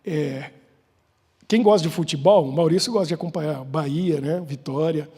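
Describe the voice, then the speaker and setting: A man's voice: a little high, moderate pace, mellow, slightly rough. A Brazilian man, a pastor with a Brazilian Portuguese accent, gives an informal sermon, joking and asking the congregation questions. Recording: long church hall reverb.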